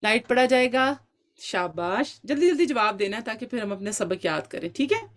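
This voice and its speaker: A woman's voice: fairly high pitch, lively intonation. A woman teaching an online Quran recitation lesson, quizzing her students and encouraging them, with English words mixed into her Urdu. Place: online class.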